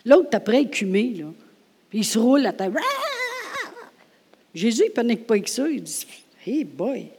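A woman with a Québécois French accent preaching a sermon, telling the story with animation, laughing often and swinging from hushed asides to loud acted-out lines. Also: a little high, animated, normal speed, long pauses, slightly rough, in a large hall.

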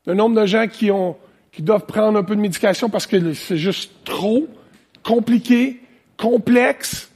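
A man with a Quebec French accent preaching an animated, conversational sermon with plenty of asides. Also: high voice, unhurried, breathy edge. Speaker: pastor. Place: church, preaching to online viewers.

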